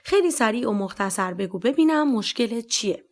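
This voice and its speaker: A woman's voice: a little high, expressive, lightly acted. A woman voicing a curt, dismissive male official. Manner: curt, condescending.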